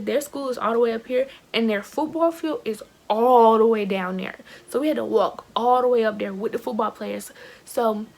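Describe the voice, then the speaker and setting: A teenage girl chats into her phone camera, telling a storytime to her viewers with slang, fillers and plenty of "y'all". Her voice sits a little high and often drops into a gravelly vocal fry. The whole thing sounds casual and unscripted. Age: teens. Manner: chatty, animated, lots of fillers and slang, addresses viewers as y'all. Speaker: vlogger.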